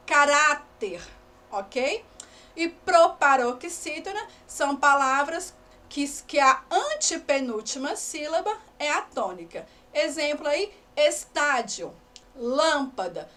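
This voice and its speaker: A woman's voice: high-pitched, fairly bright tone. A woman teacher giving a lesson, patiently checking in with her students and stretching out example words. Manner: asks the class questions. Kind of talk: recorded class lesson.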